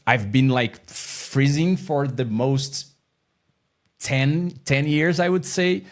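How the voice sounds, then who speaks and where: A man with a Brazilian Portuguese accent, a native Portuguese speaker, hosting an interview in halting English with frequent restarts. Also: medium pitch. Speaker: host, interviewer. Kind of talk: casual interview chat.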